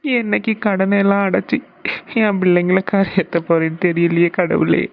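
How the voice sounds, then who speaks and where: A woman's voice: fairly low pitch, level tone, normal speed, creaky, dull audio. A woman voicing a poor father of five daughters in a cartoon family serial, lamenting through tears. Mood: grieving. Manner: sobbing lament.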